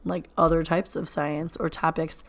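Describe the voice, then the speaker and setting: Hoarse woman hosting a casual podcast. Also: low-pitched, normal speed. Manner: relaxed, conversational, lots of fillers. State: hoarse, losing her voice. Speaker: podcast host. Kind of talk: casual chat.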